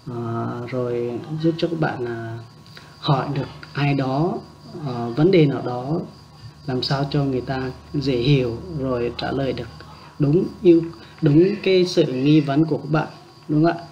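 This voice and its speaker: A man teaching a language lesson, hesitant with many filler sounds, repeating example words slowly. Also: mid-range voice, vocal fry, mellow. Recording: dull lo-fi recording with faint background hum.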